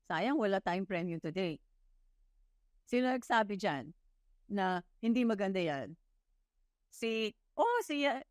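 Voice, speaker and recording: A woman preacher with a Filipino accent giving a sermon, telling stories with lively delivery and asking her listeners questions. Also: on the high side, no room sound, studio quality. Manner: lively storytelling, mixing English into Filipino, quizzing the audience.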